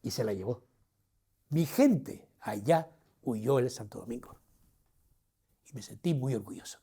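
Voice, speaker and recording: An actor playing a gravelly proud Canarian elder. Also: male voice, medium pitch, unhurried. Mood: proud storytelling. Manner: lively storyteller, addresses listeners directly. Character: proud older Canarian man recalling his life and music. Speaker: actor on a theatrical walking tour. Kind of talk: theatrical first-person storytelling.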